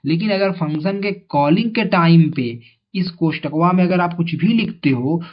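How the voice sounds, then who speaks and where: A male tutor giving an exam coaching lesson in a chatty way, asking his students questions and repeating the answers. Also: fairly high pitch. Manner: calls viewers brother. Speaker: teacher. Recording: dull lo-fi sound.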